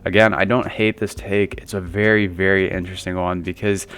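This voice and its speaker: A man hosting a basketball commentary channel talks through viewer takes in a rambling, conversational way, with lots of fillers. His voice sits low but is a bit bright, clear and resonant, delivered flatly and fairly quickly.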